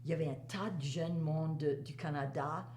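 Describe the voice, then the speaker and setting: A woman's voice: sits low, moderate pace, a little mellow. An older woman with a Cajun French accent chats and reminisces, repeating phrases for emphasis and dropping in the odd English word. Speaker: interviewee, teacher recalling a career. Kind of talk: casual reminiscing conversation. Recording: echoey room, faint hum and noise.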